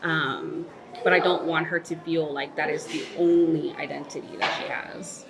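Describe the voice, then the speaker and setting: This thirty-something woman, originally from Mexico but brought up in Texas, has a low, creaky voice with a steady tone and moderate pace. She muses candidly in an interview, often saying "like" and "um," while heavy background noise intrudes.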